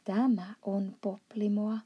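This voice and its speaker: A woman voicing a huge, kindly old male giant who mangles his grammar and bursts into indignant shouts. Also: medium pitch, little pitch movement, husky, highs cut off, close to an everyday voice. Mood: earnest. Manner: mangled grammar and made-up words, shouts in outbursts.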